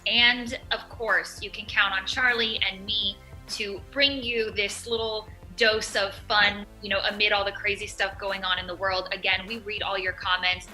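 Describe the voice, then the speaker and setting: A woman's voice: medium pitch, flat delivery, moderate pace, hardly any pauses, sharp tone, soft background music, low-quality recording. A woman co-hosting an entertainment show, chatting in a playful, gossipy way. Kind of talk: casual entertainment chat.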